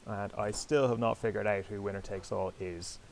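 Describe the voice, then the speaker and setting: A man's voice: fairly low pitch, fairly even intonation, moderate pace, creaky, a little hiss or hum, poor audio. A man hosting and commentating online sailing races, chatty and self-deprecating, talking directly to his viewers. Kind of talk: live commentary over a sailing game.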